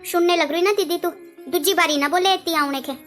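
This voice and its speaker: A woman's voice: extremely high pitch, brisk, a bit bright, faint music behind. A woman playing a hurt young sister who complains about how she is treated at her childhood home. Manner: complaining, wounded.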